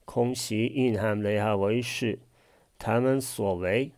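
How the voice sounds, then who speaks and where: A man's voice: lowish voice, fairly even intonation, a little mellow. A man teaching a language class, explaining a text phrase by phrase and posing questions he then answers himself. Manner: asks and answers his own questions.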